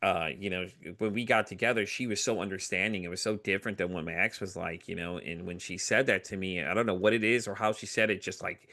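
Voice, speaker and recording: A middle-aged man with a fairly low voice, speaking openly as a podcast guest. He tells his story in an animated way, full of fillers and little acted-out quotes of other people. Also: fast, few pauses. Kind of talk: candid conversational storytelling.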